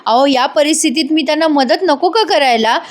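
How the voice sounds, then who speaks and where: Woman playing a meek frightened man in a soap retelling: pleading, nervous, pitched high. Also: normal speed, natural voice. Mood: timid. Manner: pleading, timid. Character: timid frightened village man, a meek servant.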